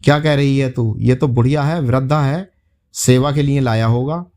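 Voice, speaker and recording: A bossy old mother-in-law from a spoken folk tale, scolding and dismissive, read by a male storyteller. Her voice is soft and mellow, close to plain narration. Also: medium pitch, normal speed, close to an everyday voice.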